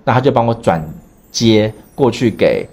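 A man hosting a podcast, telling a story in casual chat, animated and rambling, with many restarts. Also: medium pitch, normal speed. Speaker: podcast host.

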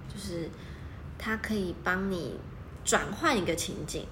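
A woman, co-hosting a casual chat in an animated, giggly way. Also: mid-range voice, unhurried, a little hiss or hum. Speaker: co-host.

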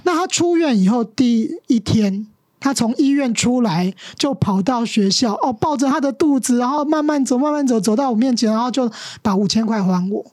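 A woman's voice: a little high, expressive, moderate pace, darkish tone, dry recording, studio quality. A middle-aged woman teacher with a Taiwanese Mandarin accent, earnestly telling stories as a podcast guest. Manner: earnest, acts out quoted dialogue. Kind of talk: storytelling interview.

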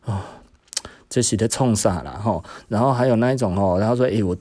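A middle-aged man, hosting a podcast and casually telling stories from his own life, tagging his phrases with a drawn-out "hm" particle and chuckling as he goes. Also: on the low side, warm tone, slightly rough. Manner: tags nearly every phrase with a drawn-out "hm" particle and chuckles often. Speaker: podcast host. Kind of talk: casual personal storytelling.

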